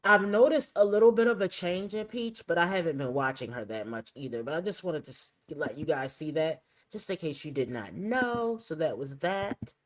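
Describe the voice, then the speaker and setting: A woman's voice: sits low, expressive, normal speed, hardly any pauses, low-quality recording. A woman hosting a casual reaction commentary, chatty and opinionated, muttering asides as she sets up clips. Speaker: commentary channel host.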